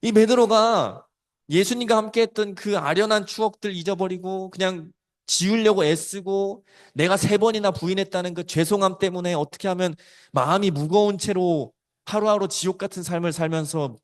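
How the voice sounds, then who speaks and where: A man preaching a storytelling sermon to children, animated and swinging between loud and soft. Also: sits high, moderate pace.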